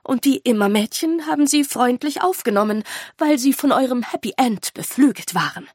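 A woman voicing a calm, grave older female teacher who explains in a measured, earnest way. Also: a little high, breathy edge, no echo, studio quality, pitched above the performer's own voice.

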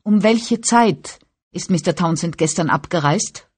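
A patient male police inspector, read by a woman narrator, asking questions in a steady, measured way. The voice is slightly husky and breathy. It is read as a calm storybook character, without much disguise. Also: lowish voice, dry recording. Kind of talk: audiobook character voice.

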